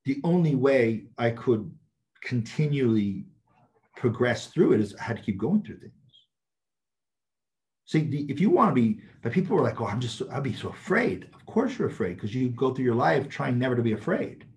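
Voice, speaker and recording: A man's voice: mid-range voice, very animated, moderate pace, a little mellow. A man talking bluntly and emphatically as an interview guest, laughing often as he makes his points. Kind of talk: casual chat.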